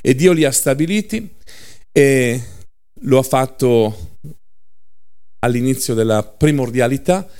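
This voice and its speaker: Emphatic male preacher, slow. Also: medium pitch, darkish tone, clean tone. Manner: emphatic, repeats words, spells letters with city names. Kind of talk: sermon teaching.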